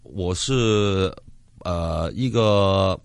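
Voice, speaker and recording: A man from Hong Kong who speaks Mandarin as a Cantonese native, with a Cantonese accent, answering casually in an interview in a halting way and repeating his words. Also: sits low, gravelly, clear, resonant tone, dry recording. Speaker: actor, interview guest.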